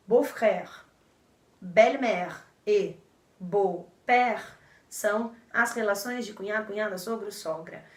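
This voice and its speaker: A woman explaining vocabulary to viewers as a teacher, patient and repeating terms with frequent checks for understanding. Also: on the high side. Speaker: French teacher. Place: indoor room in front of a board. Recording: roomy echo, a bit far from the mic.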